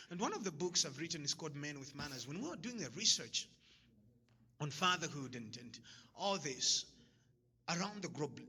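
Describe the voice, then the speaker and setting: Fairly high-pitched, sharp, and slightly rough, this Zambian man delivers a motivational talk to a crowd. He hammers home his main lines through repetition and frequently laughs at his own jokes. The sound rings with long hall reverb.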